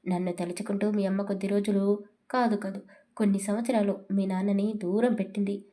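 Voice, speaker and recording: A spiteful middle-aged villain who jeers and yells, voiced by a woman narrator. The tone is mellow and dark, with a level, unshowy pitch. It plays as a spoken audio story. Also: little pitch movement, brisk, lightly acted. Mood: mocking. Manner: taunting, shouting, mocking laughter in words. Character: sneering cruel middle-aged man, scheming villain.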